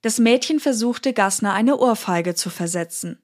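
A woman telling a historical account in calm, measured scripted narration. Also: on the high side.

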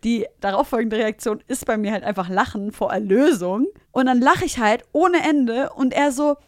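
A woman in a casual podcast chat, telling lively stories in slangy everyday talk. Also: a little high, moderate pace, no room sound, studio quality.

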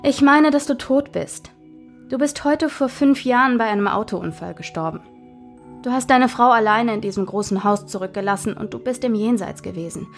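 A woman speaking as a calm, soothing Death figure in a spooky storybook tale, with faint music behind her. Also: a little high, moderate pace, natural voice. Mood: explaining. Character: calm, kindly Death, hooded skeleton.

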